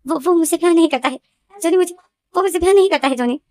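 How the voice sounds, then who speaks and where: A woman's voice: very high-pitched, very fast, darkish tone, no room sound, studio quality, voice pushed up. A woman voicing a heartbroken, obsessive young man who pleads and insists.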